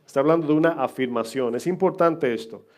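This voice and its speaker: A man's voice: a little high, fast, darkish tone. A middle-aged man preaching as pastor, chatting with his congregation with humor and questions. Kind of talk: sermon. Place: church.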